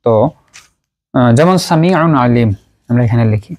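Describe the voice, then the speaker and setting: A man teaching Quran recitation rules. He writes examples on a board as he explains, speaks haltingly with frequent pauses and fillers, and drills each term through slow repetition. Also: mid-range voice, expressive, a little mellow. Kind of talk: explanatory lesson at a writing board.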